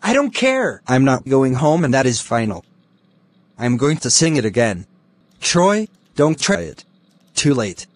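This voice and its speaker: A synthetic text-to-speech male voice reading lines for animated characters, with a flat machine delivery. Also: medium pitch, measured pace.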